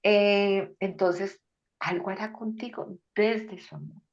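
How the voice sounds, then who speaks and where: A woman, a guest on a faith podcast, talking animatedly and acting out quoted voices with sudden loud exclamations. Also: mid-range voice, fairly even intonation, slow, muffled recording. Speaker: guest speaker. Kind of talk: faith-based podcast conversation.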